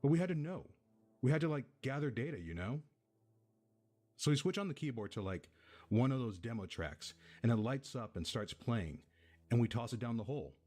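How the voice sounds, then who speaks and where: A man's voice: medium pitch, expressive, moderate pace, darkish tone, close to an everyday voice. A man with an American accent playing a laid-back, foul-mouthed tenant who rambles through an eerie story in casual audio-drama style. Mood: intrigued.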